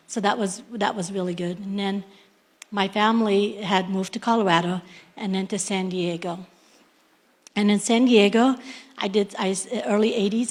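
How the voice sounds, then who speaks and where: A middle-aged woman from Iraq, an entrepreneur, telling her life story in a plain, unhurried way, with many ums and restarts. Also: mid-range voice. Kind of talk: personal success story, unscripted.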